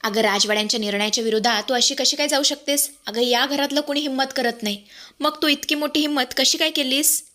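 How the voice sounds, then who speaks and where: A woman's voice: high-pitched, steady tone, fast talker, sharp tone. A woman voicing a stern elder sister who scolds her younger sister. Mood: reproachful.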